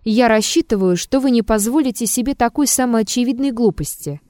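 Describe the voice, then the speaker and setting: A woman's voice: a little high, brisk, dark tone, no room sound, studio quality, lightly acted. A woman voicing a sneering insolent blackmailer. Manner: sneering and rude. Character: insolent, mocking male blackmailer.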